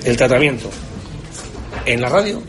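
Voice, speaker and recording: A man's voice: medium pitch, animated, moderate pace, over a noisy crowd. A man with a Spanish accent, a sports journalist, talking candidly and emphatically in a colloquial interview. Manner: emphatic, colloquial, rhetorical questions.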